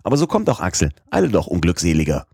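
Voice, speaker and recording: A man voicing an impatient, excitable old professor in a storybook reading, scolding loudly and in a hurry. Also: deep voice, fast talker, dry recording, studio quality, pitched above the performer's own voice, full character voice.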